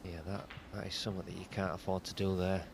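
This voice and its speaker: A man giving hushed live snooker commentary in an understated, conversational and analytical way. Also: sits low, level tone, fast, very noisy.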